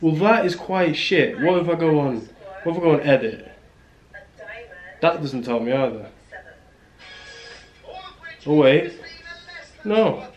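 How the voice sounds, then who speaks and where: In a small hotel room, a young vlogger films himself on a handheld camera at arm's length, rambling in a laid-back way with slang and repeated fillers. His fairly high voice has lively intonation, and he speaks slowly, pausing often. The recording is muffled, with faint music behind.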